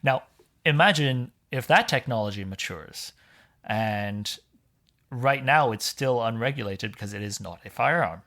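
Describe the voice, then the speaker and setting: In a relaxed podcast chat, a Hong Kong man speaking as a guest explains things in measured fashion. His medium-pitched voice is animated, with a fairly bright tone.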